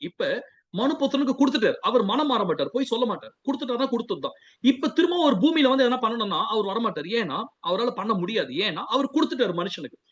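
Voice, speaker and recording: Male pastor, high and lively voice, emphatic sermon delivery, dull lo-fi recording. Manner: animated preaching, repeated hallelujahs, switches into English. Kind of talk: sermon with personal testimony.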